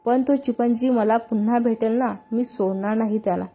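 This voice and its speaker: A woman's voice: fairly high pitch, fairly even intonation, moderate pace, warm tone, husky. A woman reading a story voices a hot-tempered young working woman who snaps irritably. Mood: irritated. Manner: irritated, snapping.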